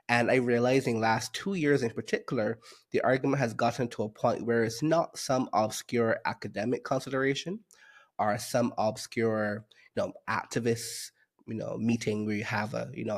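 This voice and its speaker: A man from Barbados, a guest economist on a podcast interview, explaining his views in a measured way with frequent fillers. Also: medium pitch.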